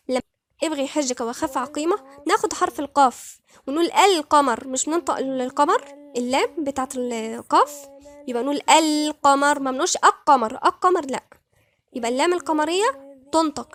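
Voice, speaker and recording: Woman, Egyptian accent, high voice, patient recitation teacher, drawn-out repetitions. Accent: Egyptian Arabic. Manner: patient, repeats words slowly syllable by syllable. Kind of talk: tajweed lesson, slow recitation.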